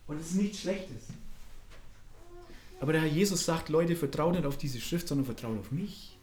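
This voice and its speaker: A man preaching a sermon, swinging between loud fervent calls and quiet intimate asides, acting out voices as he preaches. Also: on the high side, expressive, normal speed, a little hiss or hum. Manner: acts out quoted voices in his preaching.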